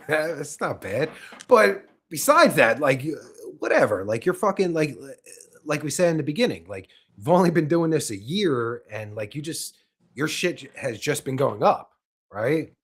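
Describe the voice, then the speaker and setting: Man, podcast host, gravelly voice, swooping pitch, rambling crude chat. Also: big pitch swings, unhurried, a bit bright. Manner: rambling, crude, full of fillers. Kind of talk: casual chat.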